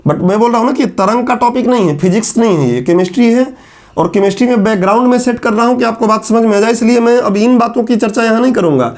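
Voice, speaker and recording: A man with a strikingly high-pitched voice teaches a class at the board. He moves step by step, puts questions to the students and answers them himself. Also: darkish tone. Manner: explains step by step, asks and answers his own questions. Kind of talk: classroom lecture.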